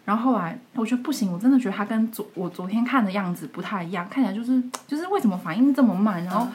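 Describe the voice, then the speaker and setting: Fast-talking woman storyteller. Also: mid-range voice. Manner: lively, acts out quoted dialogue, laughs often. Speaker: podcast co-host, nurse. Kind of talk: casual storytelling chat.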